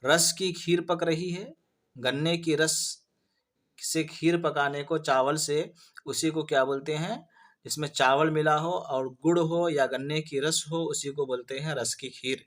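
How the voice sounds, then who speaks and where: A male teacher goes over Urdu vocabulary for an entrance exam, repeatedly posing questions and then answering them himself. His voice is a little higher than most men's, fairly bright in tone, with fairly even intonation.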